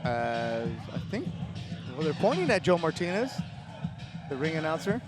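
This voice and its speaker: A man's voice: fairly high pitch, sing-song, moderate pace, music in the background. A man hosting a live boxing broadcast in a presenter's style.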